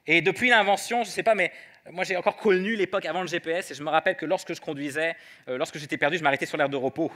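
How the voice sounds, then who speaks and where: A man preaching a sermon in church, moving between soft prayer and light humor. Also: on the high side. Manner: prays softly then preaches with humor. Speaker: pastor.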